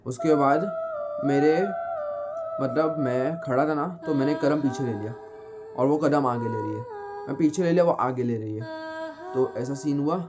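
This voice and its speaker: A man's voice: mid-range voice, normal speed, pauses often. A man casually retelling a scary personal experience as the host of his own channel, rambling with many restarts. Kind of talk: casual spoken horror storytelling. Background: loud background music.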